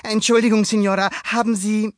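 Man doing a high, hasty sea monster boy. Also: flat delivery, fairly quick, no room sound, clean studio sound, close to an everyday voice. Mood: eager. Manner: hasty, breathless eagerness. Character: young sea monster boy, eager and flustered. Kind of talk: storybook character voice.

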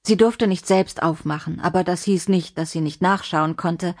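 A woman narrating an audiobook in a measured, steady reading. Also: lowish voice. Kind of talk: scripted narration.

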